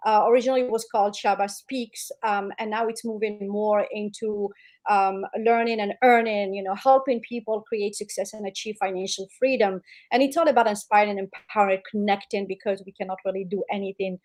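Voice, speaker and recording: A woman's voice: medium pitch, fairly even intonation, brisk, darkish tone. A woman hosting a podcast interview, talking in an effusive, chatty way with frequent fillers. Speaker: podcast host. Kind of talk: casual interview chat.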